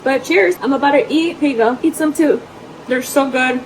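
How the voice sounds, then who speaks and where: A woman's voice: sits high, moderate pace, slight background noise, rough recording. A woman vlogging at home in her kitchen, chatting casually as she cooks, filling her talk with "like" and dropping in Spanish words. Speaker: lifestyle vlogger. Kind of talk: casual cooking vlog chat.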